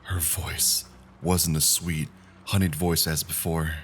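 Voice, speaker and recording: A man narrating a horror story in a measured, grim, scripted style. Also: extremely low pitch, flat delivery, creaky, a little hiss or hum.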